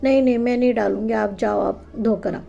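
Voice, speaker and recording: A woman's voice: on the high side, steady tone, a little fast, creaky, warm tone. A woman voicing a proud, fussy housewife who shrilly and indignantly refuses.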